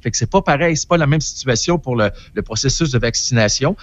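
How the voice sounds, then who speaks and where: A man's voice: mid-range voice, expressive, fairly quick, highs cut off. A man with a Québécois French accent, giving an opinionated, rambling entertainment column in casual radio chat.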